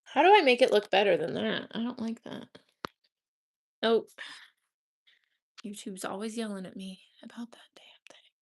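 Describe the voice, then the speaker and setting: A woman's voice: mid-range voice, normal speed, vocal fry, pauses often. A woman chatting casually on a live stream at home, rambling fondly and talking to her houseplants. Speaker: livestreamer offering paid personal readings. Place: her own home, indoors.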